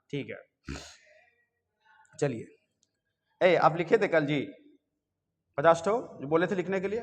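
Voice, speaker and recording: A man leads a reasoning class in a coaching classroom, his voice sitting a little high. He coaxes the students and checks often that they understand. The mic is some way off, so the room's reverb rings behind him. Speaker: reasoning teacher. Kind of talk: classroom lecture.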